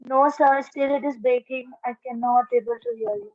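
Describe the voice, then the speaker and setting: A student, speaking up politely to the teacher over a remote class call. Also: female voice, high-pitched, fairly even intonation, normal speed, darkish tone, dry recording, dull audio. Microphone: remote call, far from the mic.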